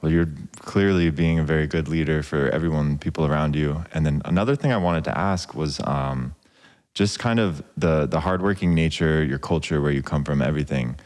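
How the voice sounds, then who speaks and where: A man's voice: a bass voice, a little fast, darkish tone, long reverb tail. A man hosting a podcast interview, encouraging his guest with frequent short replies. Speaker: podcast host.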